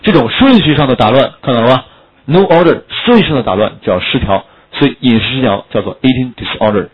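A man's voice: mid-range voice, animated, husky, highs cut off. A man teaching English vocabulary in a classroom lecture, joking and asking his students questions. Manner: quick, joking, asks students questions often.

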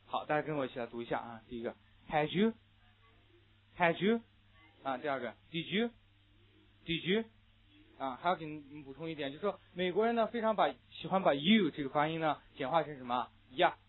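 Man, husky voice, classroom English lesson, drills phrases for students to repeat, tinny phone-like audio. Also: fairly high pitch, animated, fast talker, few pauses. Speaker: English teacher. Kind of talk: classroom lecture.

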